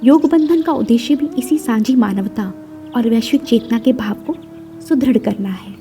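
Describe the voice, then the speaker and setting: A woman giving formal, measured scripted narration for a government podcast. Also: on the high side, dark tone, soft background music.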